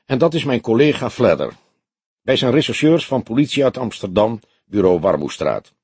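A man's voice: mid-range voice, very animated, normal speed, darkish tone, breathy edge, no room sound. A man voicing a grey-haired older police detective, courteous and friendly in how he speaks. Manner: friendly, polite.

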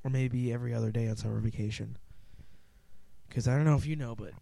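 A young podcast host with a Midwestern American accent records a casual solo show from home on a close desk mic, rambling, restarting, and joking at his own expense. He talks fast in a warm, mid-range voice with vocal fry and fairly even intonation.

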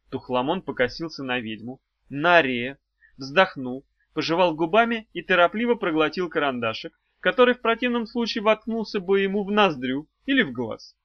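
Expressive male audiobook narrator, lively pitch. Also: dry recording, muffled recording.

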